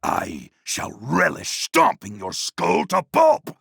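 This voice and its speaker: An actor voicing a pompous, cruel villainous general in a video game, theatrical, sneering and grandiose. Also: male voice, a little high, wildly swooping pitch, slow pace, creaky, fairly bright tone, echoey room, big-room sound, distant mic, full character voice. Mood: furious contempt.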